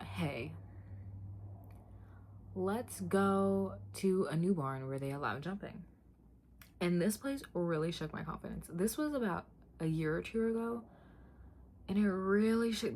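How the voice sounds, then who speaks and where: A young adult woman telling a personal story to viewers as a vlogger, in a casual, chatty, candid way with slangy, emphatic repetition and animated delivery. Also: on the low side, a little slow, pauses often, slight background noise.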